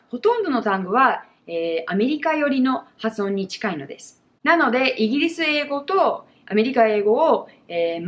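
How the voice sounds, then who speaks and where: A young woman with an American accent gives a bilingual pronunciation lesson, slowly and clearly modelling example words. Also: mid-range voice, fairly bright tone. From United States. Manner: slow, exaggerated model pronunciations. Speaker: English pronunciation teacher.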